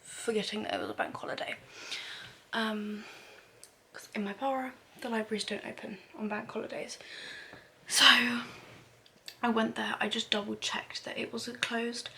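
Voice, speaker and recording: A young British woman whispers her way through a casual vlog, her hushed voice carrying a gravelly, fry-laden edge. She rambles in a friendly, chatty way, and a clear hiss of background noise sits under the recording. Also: medium pitch, steady tone, moderate pace, pauses often. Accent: British English. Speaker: vlogger. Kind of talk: whispered casual day-in-the-life chat. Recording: noisy home recording.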